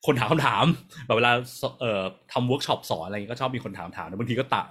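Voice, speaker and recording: A man hosting a casual live question-and-answer podcast on a video call, explaining at length in a relaxed way. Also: medium pitch, fast, breathy edge. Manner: relaxed, explains at length with fillers and small laughs. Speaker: podcast host and design research director.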